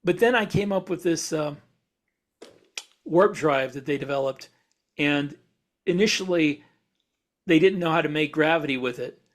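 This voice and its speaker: Speaking a bit slowly with long pauses, a man with a fairly high voice co-hosts a podcast as a science fiction author. His explanations come as casual shop talk, full of rambling, self-correcting sentences.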